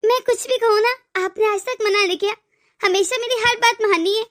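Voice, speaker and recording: A woman with a very high-pitched, slightly bright voice speaks at a moderate pace with fairly even intonation. The cartoon character she voices, an emotional young wife and devoted daughter, often stammers.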